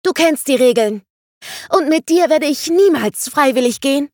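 A woman reading an audiobook, voicing a young girl with a high, pleading and defiant voice. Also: measured pace, fairly bright tone, no room sound, clean studio sound. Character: frightened young girl with great power.

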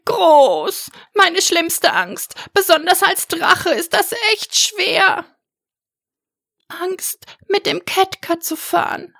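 Woman doing a timid little dragon, high and whiny. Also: lively intonation, extremely slow, vocal fry, pushed and bright, no room sound, studio quality, heavily acted. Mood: fearful.

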